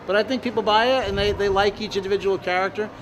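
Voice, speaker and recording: A man's voice: high-pitched, fairly even intonation, quick pace, poor audio. An American man in his sixties, chatting in an upbeat, casual interview as a ventriloquist. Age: 60s. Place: large open-sided fairground shed.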